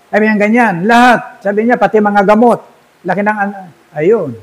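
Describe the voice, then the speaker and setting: A man's voice: high-pitched, normal speed, low-quality recording. A man, an older pastor, preaching a sermon and telling a story, often asking his congregation "see?".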